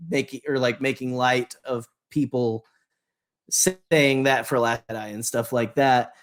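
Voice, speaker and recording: A podcast co-host rambles enthusiastically in a casual fan discussion, often trailing off and repeating his words. He speaks at a medium pitch in a steady, unhurried tone.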